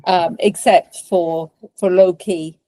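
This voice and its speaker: Low, mellow older woman explaining. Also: fairly even intonation, dry recording, rough recording. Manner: measured, explanatory. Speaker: guest expert. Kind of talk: casual review discussion.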